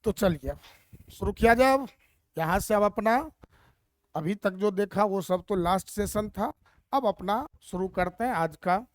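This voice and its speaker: A woman's voice: mid-range voice, lively intonation, a little slow, no room sound. A woman teacher explaining Hindi grammar step by step and asking rhetorical questions as she goes.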